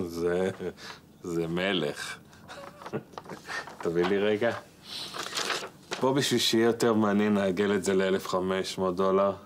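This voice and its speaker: A man's voice: deep voice, steady tone, long pauses, a crowd in the background, natural voice. A man playing a sly, smug schemer. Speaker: sitcom character, schemer.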